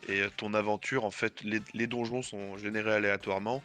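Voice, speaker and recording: A man with a fairly low voice talks laid-back as a guest on a video call, dropping casual swears. Faint music runs under him. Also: fairly even intonation, brisk, a bit bright.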